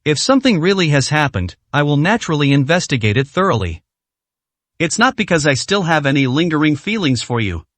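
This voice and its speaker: A man voicing a cold, commanding young male boss who speaks calmly and bluntly. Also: fairly high pitch, fairly quick, no echo. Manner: calm and blunt.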